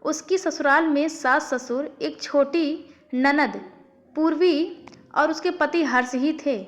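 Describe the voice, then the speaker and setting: With faint background music, a woman speaking in a high voice and at a slow pace narrates an audiobook: a scripted family story carrying a moral.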